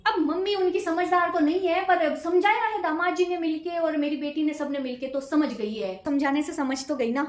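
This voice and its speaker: A bossy middle-aged mother-in-law, played by a woman in a short comedy skit, scolding and commanding. The voice sits high for a woman and carries an echo from the room it was recorded in. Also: moderate pace, few pauses, natural voice. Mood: boastful. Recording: echoey room.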